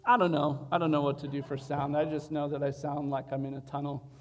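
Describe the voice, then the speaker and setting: A man's voice: a little high, level tone, brisk. A male pastor giving a casual, conversational sermon in a church, his voice sounding like it comes from an echoing tunnel over the speakers. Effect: echoing tunnel-like sound through the church speakers. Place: church building. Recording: echoey hall sound.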